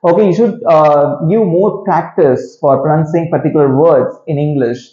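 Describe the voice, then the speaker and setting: A man's voice: fairly high pitch, extremely slow. Man teaching pronunciation in an echoey room. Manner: drills words by repeating them, checks in with "okay" and "right". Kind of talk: classroom-style pronunciation lesson. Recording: echoey room, dull lo-fi sound.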